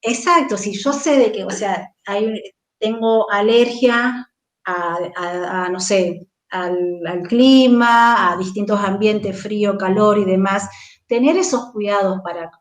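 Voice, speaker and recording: A woman's voice: medium pitch, takes it slowly. Argentine lady speech therapist, patient, explains step by step, echoey room. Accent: Argentine Spanish. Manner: patient, explanatory, tags points with "¿sí?". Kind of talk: explanatory interview talk.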